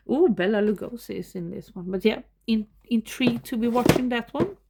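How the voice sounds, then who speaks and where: A woman's voice: on the high side, moderate pace, creaky, a little mellow, husky. A woman from Sweden with a Swedish accent, chatting casually in English as she shows off her shelves of movies at home, laughing often between remarks. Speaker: movie collector showing her collection. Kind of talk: casual show-and-tell vlog.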